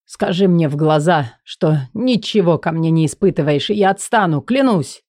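A woman's voice: on the low side, expressive, moderate pace, darkish tone, no echo, studio quality, close to an everyday voice. A woman voicing a desperate young man in an audiobook, speaking in an urgent, insistent way. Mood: earnest insistence.

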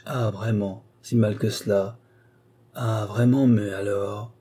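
A man playing a spluttering, irascible old gentleman. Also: lowish voice, steady tone, slow, slightly rough. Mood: suspicious. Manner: spluttering, indignant outbursts. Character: irascible older country gentleman, quick to anger.

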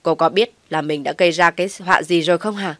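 A woman's voice: on the low side, fairly even intonation, quick pace, fairly bright tone, no echo, natural voice. Woman doing an angry scolding husband. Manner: stern, scolding.

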